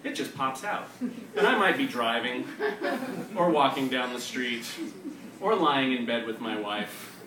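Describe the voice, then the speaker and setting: Reading and hosting before a live audience, this male poet and reading-series co-host keeps up his wry, self-deprecating manner. He has a mid-range, expressive voice and speaks at a measured pace, pausing often. A distant mic picks him up in an echoey room full of audience noise.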